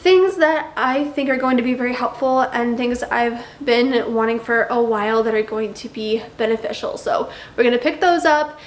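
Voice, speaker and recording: A lifestyle vlogger, this young woman chats to her camera in a bubbly way, drawing out her emphasis, and congestion has left her voice slightly nasal. Her pitch is fairly high, and the sound is roomy.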